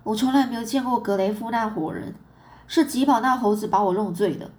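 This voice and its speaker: A woman's voice: on the high side, a little fast, darkish tone, lightly acted. Sheepish farm boy in a storybook reading, voiced by a woman in her own voice, pleading. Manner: pleading, defensive.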